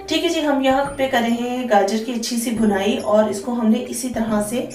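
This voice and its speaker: This cooking tutorial voice-over comes from a woman with a fairly high, a little mellow voice, speaking at a moderate pace. She walks through each step in a friendly, talkative way, repeating "theek hai ji" often. It's echoey and distant, with music faintly in the background.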